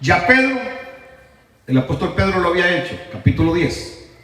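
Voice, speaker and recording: A man's voice: high-pitched, very animated, normal speed. Dramatic preaching man in echoey hall. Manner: dramatic storytelling, swings between shouts and hushed asides. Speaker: pastor. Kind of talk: sermon. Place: church sanctuary. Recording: echoey church hall, mic at a distance.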